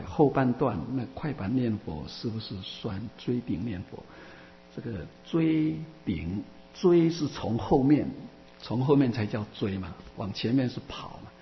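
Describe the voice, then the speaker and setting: A man teaching as a Buddhist teacher, answering questions in a Dharma talk and speaking haltingly with many restarts and drawn-out fillers. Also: mid-range voice, vocal fry. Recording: muffled, reverberant hall with faint hum.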